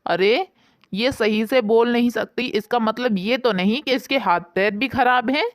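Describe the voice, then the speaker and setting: A woman's voice: on the high side, a little slow, no echo, studio quality, close to an everyday voice. A woman voicing a scornful middle-aged sister-in-law who complains about her family in a storybook tale. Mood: resentful. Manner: complaining, sneering.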